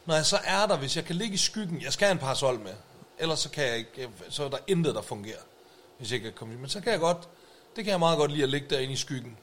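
A man's voice: a little high, lively intonation, fairly bright tone, slight background noise. A man co-hosting a podcast in casual chat, teasing his partner with dry remarks. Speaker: podcast co-host.

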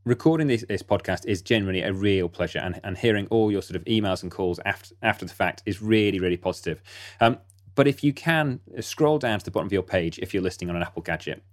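A man's voice: sits low, fast talker. A man hosting a podcast, opening the episode in a rambling way with repeated words. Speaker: podcast host. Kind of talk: podcast host intro.

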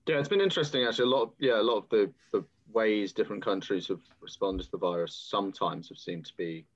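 A man hosting a podcast panel, chatting in a joking, conversational way. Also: lowish voice. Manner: joking, conversational, quick asides. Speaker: podcast host. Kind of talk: panel discussion. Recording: dull lo-fi audio.

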